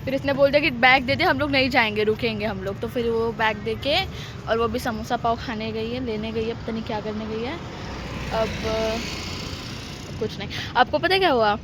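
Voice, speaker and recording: A young woman with a high, light voice chats into her phone in a casual vlog. She tells stories with plenty of giggles. Loud traffic and street noise sit under her voice. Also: normal speed. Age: young adult. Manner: chatty, giggly storytelling. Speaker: vlogger. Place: outdoors on city streets and in an office.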